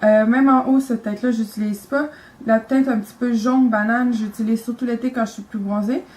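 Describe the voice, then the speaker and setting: A woman's voice: fairly high pitch, fairly even intonation, a little fast, darkish tone, rough recording. A young woman with a Quebec French accent, talking casually and enthusiastically about her makeup, rambling with lots of fillers. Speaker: beauty vlogger.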